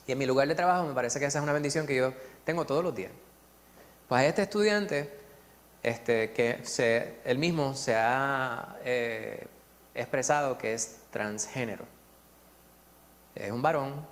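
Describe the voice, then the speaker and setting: A man's voice: mid-range voice, normal speed, pauses often, big-room sound. Chatty Puerto Rican man teaching Bible study. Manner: chatty, leans on fillers and tag questions. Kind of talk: conversational Bible study talk with personal stories.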